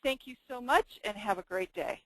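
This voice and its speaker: A woman's voice: on the high side, expressive, moderate pace, creaky, low-quality recording. A woman moderating a webinar and giving closing remarks, stumbling over her words.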